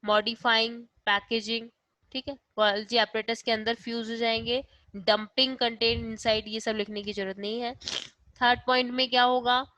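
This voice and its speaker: Female teacher, fairly high voice, dry close sound, steady question-and-answer lecture style mixing English terms in. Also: moderate pace, no room sound, rough recording. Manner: keeps asking and answering her own questions; checks in with "okay" after each point. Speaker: biology teacher. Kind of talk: class lecture.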